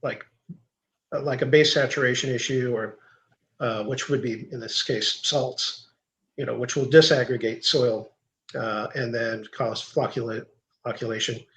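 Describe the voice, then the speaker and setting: A man's voice: medium pitch, steady tone, unhurried, fairly bright tone, rough recording. A male guest explaining soil science in a technical, hesitant way. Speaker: guest agronomy expert. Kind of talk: explaining in conversation.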